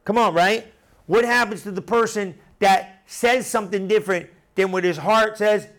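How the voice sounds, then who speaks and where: High-voiced preacher man, animated. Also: normal speed. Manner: animated preaching with repeated phrases and congregation call-and-response. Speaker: pastor. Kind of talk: sermon.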